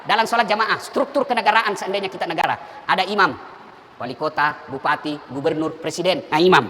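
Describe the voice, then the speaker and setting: A middle-aged preacher, high-pitched and keen, preaching with jokes and acted-out scenes. His voice rings through a large hall with a long reverb tail. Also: fairly quick, slight background noise. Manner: animated, joking, acts out little scenes. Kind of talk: humorous sermon.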